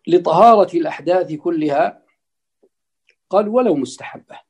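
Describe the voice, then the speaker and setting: A man's voice: high voice, a little mellow, husky. A man teaching as a religious scholar, explaining a classical text line by line and repeating key phrases. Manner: deliberate, repeats phrases for emphasis.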